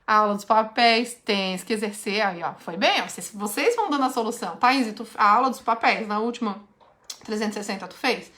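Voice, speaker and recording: A woman's voice: mid-range voice, lively intonation, brisk, pushed and bright. A woman leads a live online mentoring session, reading participants' questions aloud and answering them in a direct, coaching way.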